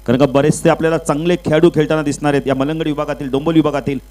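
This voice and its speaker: A man commentates a local cricket match over a public address microphone at an outdoor ground. His voice sits fairly high for a man and climbs louder and higher on every run and wicket, then settles into calmer talk between balls. He drops English cricket terms into his commentary. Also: very fast, poor audio. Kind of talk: live play-by-play commentary.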